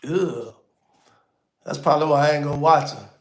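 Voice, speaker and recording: A man's voice: on the high side, normal speed, roomy sound. A man hosting a casual livestream, talking loosely and slangy straight to his viewers, with auto-tune on his voice. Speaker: livestream host.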